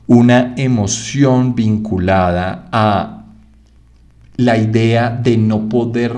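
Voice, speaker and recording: Low gravelly Colombian man lecturing. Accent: Colombian Spanish. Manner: lively teaching, frequent "¿sí?" checks, acts out students' objections. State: one ear feels blocked. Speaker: acupuncture teacher. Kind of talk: online lecture.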